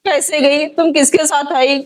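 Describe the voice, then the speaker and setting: A woman with a high-pitched voice, talking as a lawyer in a news interview. She sounds distressed and pleading throughout. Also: fairly even intonation, unhurried.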